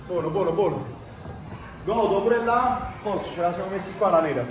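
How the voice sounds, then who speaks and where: Young male, high-pitched, Neapolitan slang, excitable repetitive banter, roomy sound with background noise. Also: moderate pace. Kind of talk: excitable casual game banter. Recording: echoey room with clear background noise.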